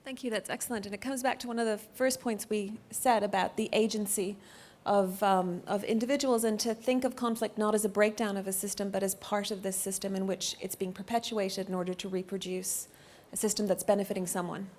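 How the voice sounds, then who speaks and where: A woman's voice: mid-range voice, fairly even intonation, brisk, a little mellow. Woman, panel moderator, mid-range voice, composed and articulate.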